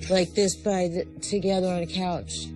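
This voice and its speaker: A woman's voice: lowish voice, fairly even intonation, normal speed, darkish tone, soft background music. A woman who owns a dog, speaking earnestly on a reality show. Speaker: dog owner.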